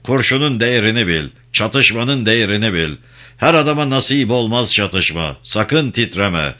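A man voicing a stern, domineering male guerrilla commander who shouts orders and slogans at his fighters in an audiobook. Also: lowish voice, animated, normal speed. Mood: haranguing.

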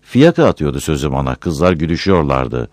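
A man's voice: a bass voice, brisk, no room sound. A man reading a village story aloud and doing the voices of its characters. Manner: lively storytelling.

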